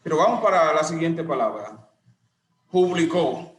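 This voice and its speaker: A middle-aged man teaching a lesson, explaining slowly and deliberately with a few restarts. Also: mid-range voice. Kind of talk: classroom lesson. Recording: echoey room with faint ambience.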